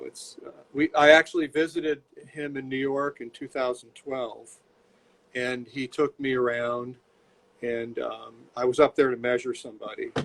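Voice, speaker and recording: An older man, a bootmaker who owns a shop, chats casually in a video-call interview from his home workshop. His mid-range voice has vocal fry and a slightly bright tone, and the audio is poor. He rambles, repeating words and restarting sentences.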